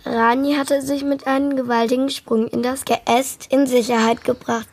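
A woman reading a children's storybook aloud as narrator, steady and measured. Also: high voice, husky.

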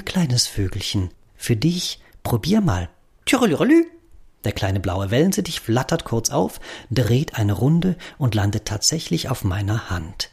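A man reading a children's story in the first person, gentle and playful. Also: mid-range voice, husky. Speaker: narrator. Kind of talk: storybook narration.

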